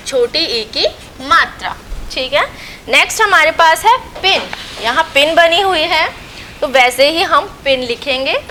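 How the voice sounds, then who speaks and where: Slow, bright-voiced woman teacher. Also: sits high, a little hiss or hum, low-quality recording. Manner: slow, patient, repeats and asks questions then answers them. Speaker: school teacher. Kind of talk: recorded online lesson for young children.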